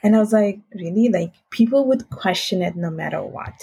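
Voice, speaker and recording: Very husky, gravelly young woman. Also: mid-range voice, animated, fairly quick, dark tone. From Italy. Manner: hesitant, with many fillers and restarts. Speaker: guest author. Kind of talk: casual interview talk.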